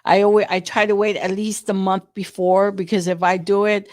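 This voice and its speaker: A woman's voice: medium pitch, little pitch movement, normal speed, darkish tone, no room sound. Woman, 60s, co-host, chatty and rambling, dry close sound. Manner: chatty, rambling with restarts and laughs. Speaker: co-host, insurance agent. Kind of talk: casual chat.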